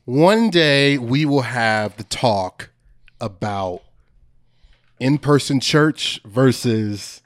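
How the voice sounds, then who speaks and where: Casual male host with a mid-pitched voice. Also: lively intonation, extremely slow. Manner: slangy, repeats phrases for emphasis. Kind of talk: casual chat commentary.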